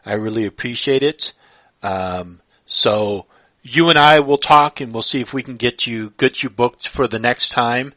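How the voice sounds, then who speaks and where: A male host chatting casually on a live stream, stopping often with fillers and restarting his sentences. His voice sits at a middling pitch. The recording is dull and lo-fi, with a close, dry sound. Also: unhurried, sharp tone, dry recording. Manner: hesitant, many fillers and restarts. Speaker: podcast host.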